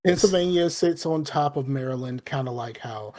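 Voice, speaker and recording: A middle-aged Southern man with a Southern accent co-hosts a podcast, chatting casually and rambling with plenty of "you know what I mean." His mid-range voice is warm, and he keeps a moderate pace.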